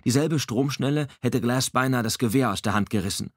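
A man reading an audiobook in a measured, dramatic storytelling manner on a close microphone. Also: medium pitch, slightly rough, no room sound. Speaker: audiobook narrator. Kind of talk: scripted audiobook narration.

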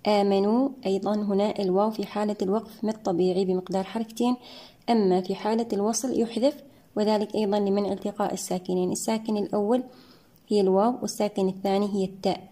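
A woman explains Quran recitation rules in a methodical lesson, stopping now and then with a soft "ah". Her voice is mellow and dark in tone. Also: medium pitch, steady tone. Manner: methodical, pauses with frequent "ah" fillers; chants verses slowly and drawn out.

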